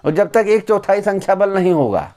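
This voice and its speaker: Blunt, lecturing man with a high voice. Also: very animated, moderate pace, a little mellow. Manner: blunt, lecturing, repeats phrases for emphasis. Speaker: news channel host. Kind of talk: direct-to-camera news commentary.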